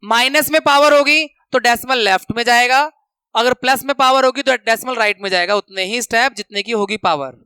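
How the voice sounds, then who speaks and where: A man teaching a maths lesson, counting steps out loud and repeating the rules for students to remember, speaking terms. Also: extremely high pitch, brisk, smooth, no room sound. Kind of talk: classroom lesson explanation.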